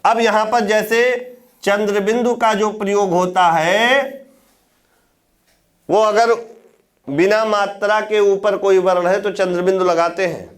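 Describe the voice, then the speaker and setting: A man with a fairly high voice teaches a grammar class. He poses questions to his students and answers them himself. He drags out example words to show how they sound. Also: fairly even intonation. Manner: demonstrates sounds by repeating words slowly. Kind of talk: classroom lecture on Hindi grammar.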